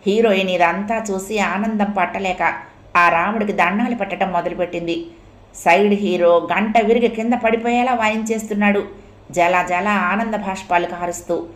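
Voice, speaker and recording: A woman reading a comic novel aloud in a lively, theatrical storytelling manner. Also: medium pitch, moderate pace. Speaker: audiobook narrator. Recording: roomy echo.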